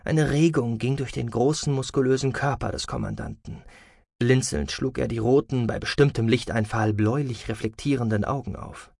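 A man reading a science fiction audiobook as narrator, expressive and voicing every character. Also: mid-range voice, moderate pace, creaky, no echo, studio quality. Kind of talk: scripted narration.

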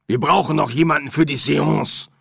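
A man's voice: on the high side, normal speed, vocal fry, a bit bright, breathy edge, no room sound, clean studio sound, pitched above the performer's own voice, exaggerated voice. A man voicing a stern, bossy older female medium who gives curt orders. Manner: curt, commanding.

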